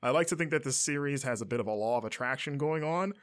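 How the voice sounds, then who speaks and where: A man's voice: mid-range voice, fast. A man hosting a podcast in a casual, conversational style. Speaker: podcast host.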